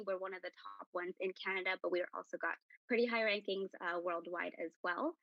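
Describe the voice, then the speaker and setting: A woman's voice: lowish voice, fairly bright tone, dry recording. Woman admissions rep on dull audio. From Indonesia. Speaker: university admissions representative. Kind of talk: presenting to prospective students.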